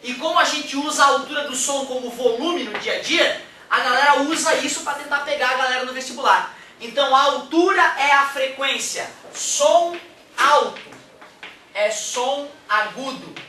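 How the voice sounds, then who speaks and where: A man from Brazil, giving a lively, joking physics lecture in a classroom and acting out examples. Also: very high voice, moderate pace, slight background noise. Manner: animated and joking, acts out examples. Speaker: physics teacher. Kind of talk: exam-prep physics lecture. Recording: echoey room, mic at a distance.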